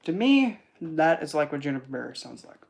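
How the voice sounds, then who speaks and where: A spiritual teacher with a gravelly, mid-range voice gives a casual esoteric teaching talk at a brisk pace. He rambles in an animated, chatty way, and there's slight background noise.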